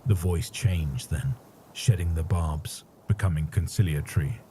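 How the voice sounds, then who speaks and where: A man narrating a story in a measured, grave manner. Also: extremely low pitch, warm tone, slight background noise. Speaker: audiobook narrator. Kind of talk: scripted narration.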